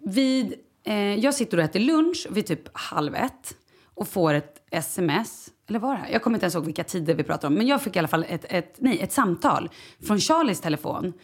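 A woman, co-hosting a podcast and telling a story in a lively, casual way while acting out the voices of the people in it. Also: mid-range voice, husky. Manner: animated storytelling, acts out quoted voices. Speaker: podcast co-host. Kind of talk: casual chat.

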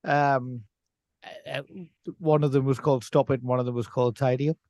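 A man's voice: mid-range voice, fairly even intonation, fairly quick, warm tone, no room sound. Laid-back man, dry close sound. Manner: laid-back, rambling, laughs often. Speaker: podcast co-host. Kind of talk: casual chat.

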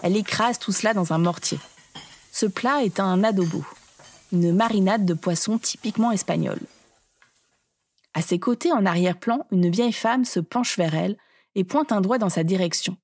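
Slightly husky woman narrating a documentary. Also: medium pitch, moderate pace, a little mellow. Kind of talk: scripted narration.

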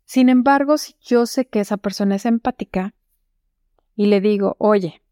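A woman hosts a solo advice podcast, talking calmly and straight to the listener. Her voice is mellow and warm. The recording is dry and close, with no room sound. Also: mid-range voice, moderate pace, dry recording. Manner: calm, explanatory, speaks directly to the listener. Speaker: podcast host.

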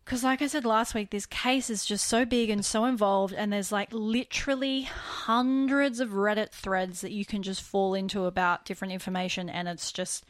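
A woman co-hosting a podcast in a relaxed, low-key way, her voice full of vocal fry. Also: moderate pace, hardly any pauses, dry recording, clean studio sound. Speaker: podcast co-host. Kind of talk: casual podcast chat. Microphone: desk microphone.

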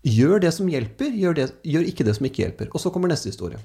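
A man tells casual anecdotes as a speaker, animated and acting out the people he quotes. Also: fairly high pitch, creaky. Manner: animated storyteller, acts out quoted voices. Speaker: speaker telling stories.

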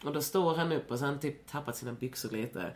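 A woman's voice: very deep voice, a little mellow. A young woman in casual chat as a podcast guest, rambling with many fillers and swearing freely.

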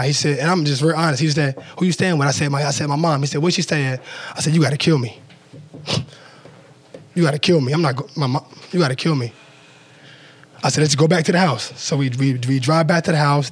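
A man, a former pro football player, telling a story as an interview guest in loose, casual talk full of "like" fillers and acted-out quotes. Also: fairly high pitch.

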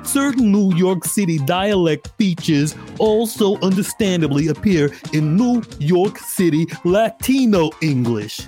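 A man doing an overdone Brooklyn accent while reading a dry text aloud. The pitch rises and falls in lively swings, and the delivery stays mock-serious. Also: measured pace, few pauses, faint music behind. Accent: Brooklyn, exaggerated.

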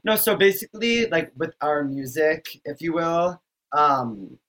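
A man's voice: on the high side, animated, a little slow, fairly bright tone. A man who is a drag queen, chatting breezily and campily as a podcast guest. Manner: breezy and campy, with restarts. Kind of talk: casual interview chat.

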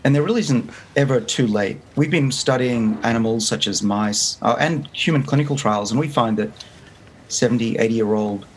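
A man in his fifties with an Australian accent talks about his research as a remote interview guest, earnest and full of restarts. His voice is mid-range at normal speed, with faint background noise in the recording.

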